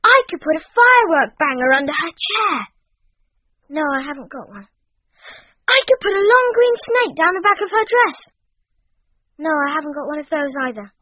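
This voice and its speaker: A woman's voice: high voice, moderate pace, long pauses, dry recording, highs cut off. George, a woman as a plucky young boy. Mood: excited scheming. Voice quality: stammering when scared, excitable. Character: frightened but plucky eight-year-old boy. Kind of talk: dramatized storybook audio. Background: music underneath.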